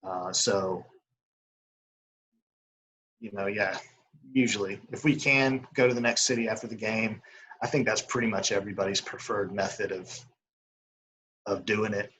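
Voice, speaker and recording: A young man in a casual interview as an umpire, talking in a rambling, halting way full of filler phrases. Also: fairly low pitch, fairly even intonation, a bit bright, slight background noise, low-quality recording. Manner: rambling, halting, frequent "you know". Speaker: baseball umpire as interview guest. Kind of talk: casual chat.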